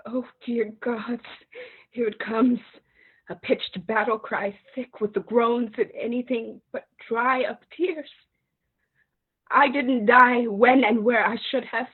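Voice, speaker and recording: A woman as a wailing old captive queen, high voice, slow heavy delivery, tinny phone-like sound. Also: breathy edge. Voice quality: crying, wailing lament. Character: old widowed enslaved queen, grief-stricken. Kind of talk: stage play reading.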